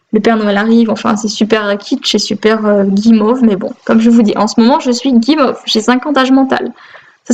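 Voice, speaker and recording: A chatty woman with a fairly high voice talks casually at home, full of little fillers and pauses. The sound is a bit dull, like a simple home video recording. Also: a little mellow. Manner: chatty, cheerful, many fillers. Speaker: craft vlogger. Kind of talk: casual chat. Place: home room with a Christmas tree.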